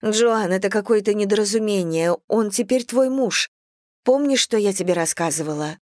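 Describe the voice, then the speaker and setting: A woman's voice: medium pitch, normal speed, darkish tone, dry recording, clean studio sound, lightly acted. A woman voicing an anxious noble sister. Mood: pleading. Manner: anxious, pleading and stern by turns. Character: higher-voiced caring noblewoman, the husband's sister.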